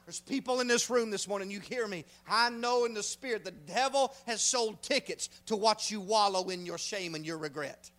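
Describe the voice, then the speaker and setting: A preacher man, delivering a folksy sermon that swings from hushed talk to shouting. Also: sits high. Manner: fervent, swings from hushed to shouting, drawn-out emphasis; folksy, frequent "uh" fillers.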